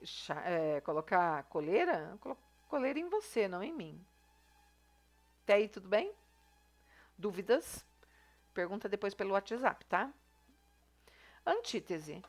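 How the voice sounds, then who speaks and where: A woman's voice: medium pitch, sing-song, a little slow, pauses often. A woman teacher explaining a review lesson in a chatty way, often checking in with her students. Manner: chatty, explaining step by step with frequent "tá?" and "né?". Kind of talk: recorded class review lesson.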